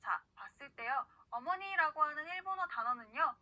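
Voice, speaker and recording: A woman teaching a recorded online pronunciation lesson, patiently saying words slowly for the learner to repeat. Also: high-pitched, expressive, bright, forceful tone, rough recording. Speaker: language teacher.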